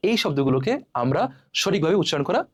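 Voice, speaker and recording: Man teaching word pronunciation, slightly high voice. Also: expressive, quick pace. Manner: asks questions then models words. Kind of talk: lesson to camera.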